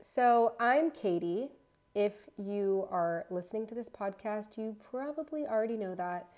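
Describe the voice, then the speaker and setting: An American woman in her thirties hosts a casual solo podcast from her apartment, chatting into her mic. She rambles, restarts and corrects herself with a slightly nervous edge. Her voice is middle-pitched and darkish, with lively intonation and a measured pace.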